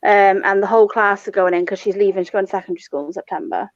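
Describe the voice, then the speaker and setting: A mother rambles through casual group chat and laughs easily. Her voice sits at an everyday pitch. The sound is dull, lo-fi and dry. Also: fairly even intonation, quick pace, no echo.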